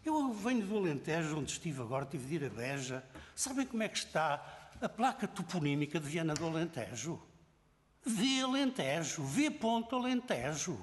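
A man's voice: on the high side, sing-song, fairly quick, long reverb tail. An older man from Portugal with a European Portuguese accent, a professor giving an indignant, emphatic public speech full of examples.

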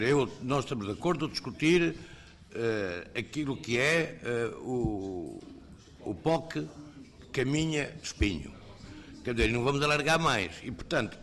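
A man's voice: mid-range voice, a bit bright. A man with a European Portuguese accent, a member of parliament arguing his point in committee debate, often hesitating and restarting. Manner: hesitant, with fillers and restarts, argumentative.

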